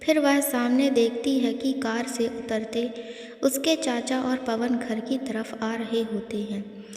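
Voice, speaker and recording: A woman narrating a story in an even, unhurried storytelling manner, recorded in an echoey room. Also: fairly high pitch, soft background music. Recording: echoey room with long reverb.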